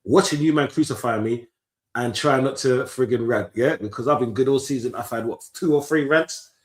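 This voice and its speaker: A man in his thirties, commentating on a match live for his stream. His banter is loud and full of slang, and he breaks into sudden shouts. A roomy echo hangs on his mid-pitched voice. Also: moderate pace. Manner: animated, swearing, London street slang, bursts of shouting. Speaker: football watchalong streamer.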